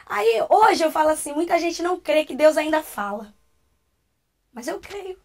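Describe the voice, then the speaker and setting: A woman's voice: high-pitched, animated, moderate pace, a little mellow. A woman with a Brazilian Portuguese accent, a talk show guest, telling a personal testimony with emotion and acting out the voices she quotes.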